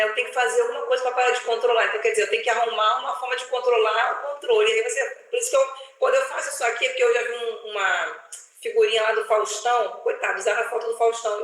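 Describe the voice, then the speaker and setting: Host, middle pitch, fast and playful, heavy room echo. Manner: quick, animated, playful. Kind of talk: casual discussion, lively explanation. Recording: very echoey room.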